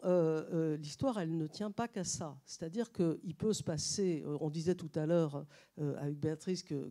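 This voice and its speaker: A woman journalist speaking on stage to a live audience, hesitant with many fillers and restarts, but lively and joking. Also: fairly low pitch. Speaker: journalist and author on a panel. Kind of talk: public talk to a live audience. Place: stage at a public science event.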